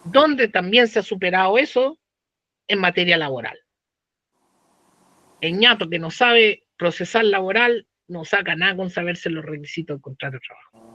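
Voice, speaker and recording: A Chilean law professor lectures in a high, very bright voice, tossing slang and rhetorical questions at his students. The sound is dry and close, with a dull, lo-fi tone to the recording. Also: animated, moderate pace, dry recording.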